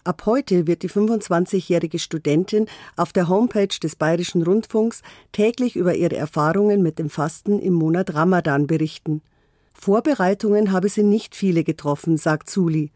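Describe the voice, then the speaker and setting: A woman narrating a scripted radio report in an even, formal manner. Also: fairly low pitch, moderate pace, dry recording, clean studio sound.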